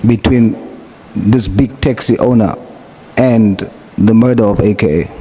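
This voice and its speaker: A South African man formally questioning a witness at a hearing, in a deliberate, probing way. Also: fairly low pitch, warm tone. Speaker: committee member questioning a witness. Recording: noisy hearing room ambience.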